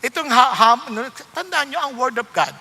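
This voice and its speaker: Male pastor, high and very bright, big hall reverb; animated storyteller who drops into English scripture. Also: moderate pace, breathy edge. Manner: animated storytelling, acting out voices of people in anecdotes; mixes English Bible quotes into Filipino preaching. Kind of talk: sermon.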